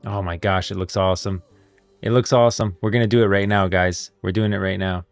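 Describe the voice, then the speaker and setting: A man hosting a livestream talks briskly in a deep, clear, resonant voice with fairly even intonation. He casually thinks out loud for viewers, addressing them as guys and bros in informal slang, with no room sound and faint music behind.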